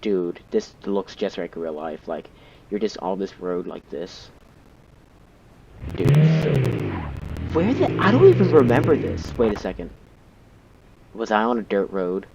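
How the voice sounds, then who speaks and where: Spooked male horror-game streamer, swinging pitch, gravelly. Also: big pitch swings, a little slow, pauses often, highs cut off. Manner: slangy, rambling, addresses viewers as y'all. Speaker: gaming streamer. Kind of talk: casual gameplay commentary. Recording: very noisy, hum and engine sounds.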